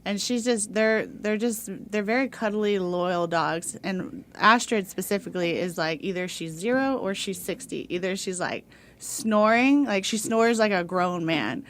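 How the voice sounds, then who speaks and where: A woman's voice: mid-range voice, measured pace, a bit bright. A young woman from Houston, Texas, chatting casually as a podcast guest, rambling with lots of fillers and laughs. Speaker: podcast guest, dog trainer. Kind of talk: casual interview chat.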